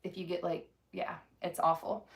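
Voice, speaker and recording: A woman's voice: on the low side, little pitch movement, normal speed, creaky. A woman, a mother of five chatting candidly in a casual home vlog, rambling and self-deprecating. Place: home kitchen.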